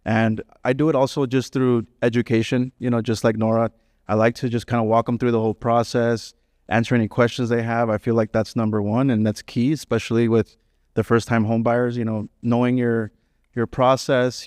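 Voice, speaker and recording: A man's voice: mid-range voice, level tone, moderate pace, darkish tone, clean tone, no echo, studio quality. Earnest young man on a panel. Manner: earnest, conversational, many fillers like "you know". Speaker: real estate agent on a panel. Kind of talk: panel discussion.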